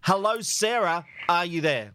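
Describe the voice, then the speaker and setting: A man's voice: high-pitched, animated, measured pace, pushed and bright, smooth, dry recording. A man hosting a podcast in casual chat, laughing often and poking fun at himself. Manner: laughs often, self-mocking. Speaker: podcast host.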